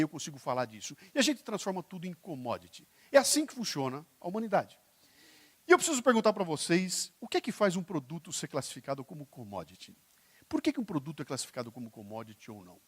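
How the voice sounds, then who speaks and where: Animated Brazilian man giving a stage talk. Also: fairly high pitch, slightly rough. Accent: Brazilian Portuguese. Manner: joking, teasing the audience, quizzing the crowd. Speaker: keynote speaker. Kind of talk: motivational stage lecture. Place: stage before a live audience.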